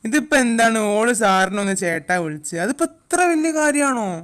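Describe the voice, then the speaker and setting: A woman's voice: fairly high pitch, lively intonation, brisk, close to an everyday voice. A young woman, voicing a teasing, playful young man in an amateur fan dub.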